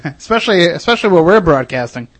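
A radio host from Wareham, Massachusetts, speaks in a high, animated voice at a quick clip, chatting enthusiastically in a casual interview. The recording quality is low.

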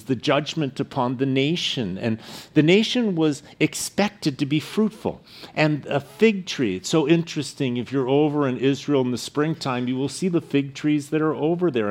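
A male pastor preaching a sermon at a pulpit microphone, earnest and measured, often restarting phrases and reading scripture aloud. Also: medium pitch.

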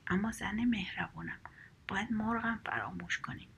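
A woman voicing a gentle, trusting old husband in a whispered role-play, calm and cheerful. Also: high voice, vocal fry, slight background noise, heavily acted.

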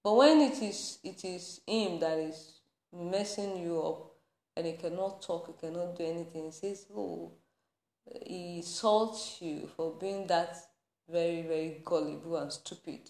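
A woman's voice: fairly low pitch, measured pace, a little mellow. A woman podcast host in a passionate faith-based rant, laughing between points and building to anger. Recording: roomy echo.

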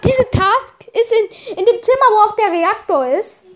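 A woman's voice: very high-pitched, unhurried. A woman hosting a real-life party game, casually announcing rules and joking with the players. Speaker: host running the game.

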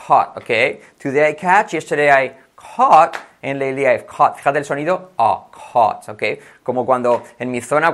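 A man teaching a language lesson online, lively and chatty, often checking in with the viewer and repeating words for practice. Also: mid-range voice. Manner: lively, keeps checking in with "vale" and "ok"; models words by repeating them.

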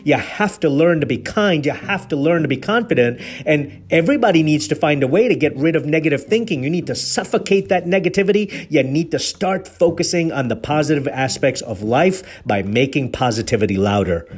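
A man's voice: a little high, expressive, a little fast, few pauses, slightly rough. A man from Kenya hosting a podcast, giving an earnest, preachy motivational talk on leadership that is full of rhetorical questions. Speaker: podcast host.

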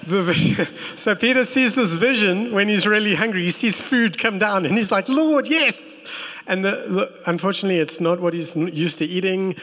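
A man preaching a sermon as pastor. He tells the story in an animated way and makes playful asides to the congregation. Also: sits high, moderate pace, hardly any pauses, in a large hall.

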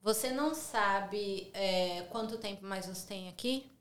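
A woman from São Paulo, Brazil, is a guest on a podcast, chatting casually in a conversational interview with a São Paulo Brazilian Portuguese accent and frequent tag questions. Her mid-range voice is unhurried and a bit bright, and the room sounds echoey.

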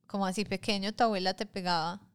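A woman's voice: medium pitch, fairly even intonation, quick pace, clean tone. Chatty woman co-host reacting. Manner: reacts warmly, with frequent interjections. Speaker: podcast co-host. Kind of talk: casual chat.

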